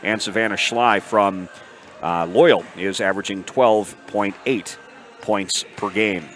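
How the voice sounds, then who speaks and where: A man's voice: lowish voice, fairly even intonation, slow pace, fairly bright tone. A man giving local pregame sports commentary as a broadcast announcer. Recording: faint gym noise behind.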